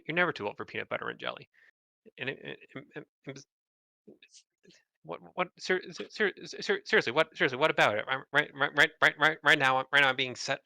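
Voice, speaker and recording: A man's voice: medium pitch, vocal fry, bright, forceful tone, no room sound. A man voicing a flustered woman security officer on an airship, stammering and apologetic with many restarts.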